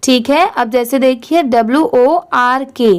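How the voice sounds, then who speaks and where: A young woman with an Indian accent, her voice high and smooth, leads a slow English reading lesson. She spells each word letter by letter, then asks her class how to pronounce it and answers herself.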